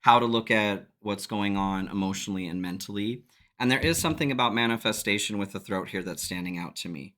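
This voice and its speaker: A man giving a casual tarot reading to his viewers, reflective and relaxed, laughing now and then. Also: lowish voice, fairly quick. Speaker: tarot reader.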